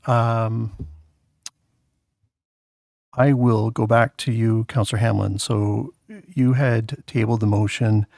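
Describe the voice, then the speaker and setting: Man chairing a council session, halting delivery, gravelly low voice, dry. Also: a little mellow, no echo. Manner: halting, many filler sounds. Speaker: meeting chair.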